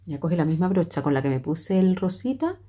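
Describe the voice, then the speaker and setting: A woman's voice: on the low side, big pitch swings, fast talker, dark tone, husky. A middle-aged woman, chatting her way through a makeup tutorial with many fillers and restarts. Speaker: makeup vlogger.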